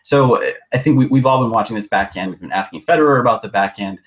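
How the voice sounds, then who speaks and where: A man talking as a podcast co-host in casual chat, heard through a low-quality internet call, halting and often restarting his words. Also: lively intonation. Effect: low-quality internet call audio. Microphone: video call. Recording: dull lo-fi video call line.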